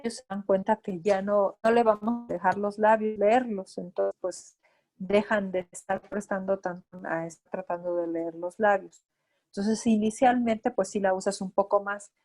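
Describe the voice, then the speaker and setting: Una mujer con acento mexicano, terapeuta auditivo-verbal, da una clase a residentes y explica con ejemplos prácticos. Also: female voice, mid-range voice, a little mellow. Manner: explanatory, acts out examples of talking to children. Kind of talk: lecture.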